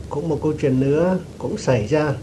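A man respectfully telling his teacher a story he witnessed, in a hesitant, halting way, with frequent restarts and throat-clearing. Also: fairly high pitch. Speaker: devotee giving testimony. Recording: noisy recording with rain behind.

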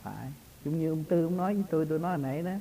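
A man's voice: a little high, rapid-fire, gravelly, warm tone, poor audio. A man, a spiritual teacher talking casually in a folksy, storytelling way and laughing often. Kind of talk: casual religious talk.

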